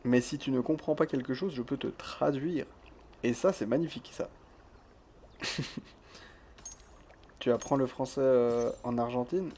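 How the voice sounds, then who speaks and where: A man's voice: mid-range voice, measured pace, long pauses, warm tone, a little hiss or hum. A male streamer who keeps his voice down, chatting casually as he plays a game and reads the chat, laughing often. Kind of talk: casual let's-play chat. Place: home room with thin walls.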